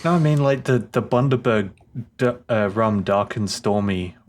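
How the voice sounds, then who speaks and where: A man's voice: fairly low pitch, moderate pace. A man chatting casually on a game stream, hesitant and searching for words. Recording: noisy mic line.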